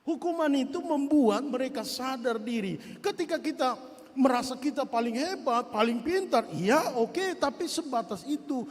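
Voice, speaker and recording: Animated high-voiced preacher, echoing church. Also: male voice, normal speed. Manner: animated, playful, breaks into song snippets and mock voices. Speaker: pastor. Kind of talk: sermon. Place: large church. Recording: echoey church hall.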